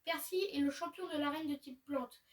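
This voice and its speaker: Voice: sits high, normal speed, recorded from a distance, slight background noise, lightly acted. A gamer reading aloud the lines of a friendly young female researcher in a video game.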